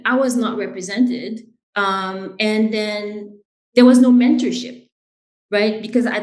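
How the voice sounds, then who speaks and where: A woman's voice: mid-range voice, a little mellow. Roomy-sounding woman from Haiti, earnest. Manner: earnest, explains with "right?" and "you know". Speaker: guest, brand director. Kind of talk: casual interview conversation.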